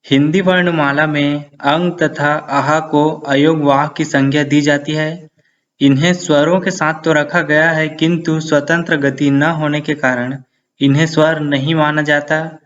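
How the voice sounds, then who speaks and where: Male teacher, slow careful delivery, slightly high voice, dull lo-fi sound. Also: little pitch movement, fairly bright tone. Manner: slow, repeats definitions, keeps addressing viewers as friends. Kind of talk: Hindi grammar lesson.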